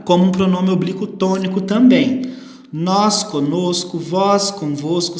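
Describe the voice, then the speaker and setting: A man teaching a grammar lesson, explaining patiently and checking in with the class with frequent short questions. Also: high voice. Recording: echoey room with long reverb.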